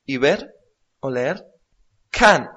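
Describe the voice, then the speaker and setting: A man's voice: medium pitch, moderate pace. A man teaching a language lesson on the radio, patiently repeating words for his student to practice. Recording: dull lo-fi recording.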